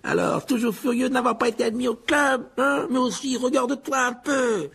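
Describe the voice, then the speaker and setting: Brash mocking ghost rider: loud, high, roaring. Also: male voice, normal speed, gravelly, slightly rough, heavily acted. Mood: jeering. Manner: roaring, jeering. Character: boisterous, mocking headless male ghost.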